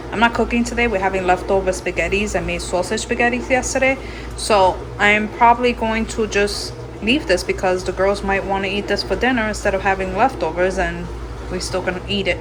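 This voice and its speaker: Low-pitched woman chatting over dishwasher machine noise. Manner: rambling, explanatory. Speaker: home cooking vlogger. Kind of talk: casual chat while cooking. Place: home kitchen. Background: running dishwasher noise.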